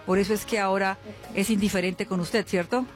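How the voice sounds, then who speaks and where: With music running underneath, a spiritual healer hosts a live psychic call-in on the radio, promoting herself and comforting callers in a familiar manner. Her mid-range voice keeps a steady tone at a fairly quick pace.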